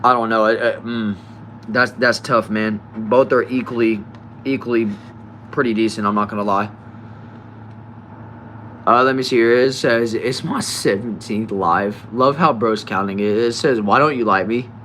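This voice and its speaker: A young guy in his late teens, chatting casually on a live stream as he answers comments one by one. His voice sits a little low, and his sentences often drop off softly at the end. A faint hum of air conditioning hangs in the background. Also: moderate pace. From United States. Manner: relaxed, chatty, trails off quietly at line ends. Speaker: livestreamer.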